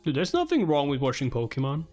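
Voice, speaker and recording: With music running in the background, this livestreamer reads a webtoon aloud, tossing out casual reactions and offhand swearing while he talks to viewers. He speaks fast in a slightly mellow voice on the high side, his pitch swooping wildly.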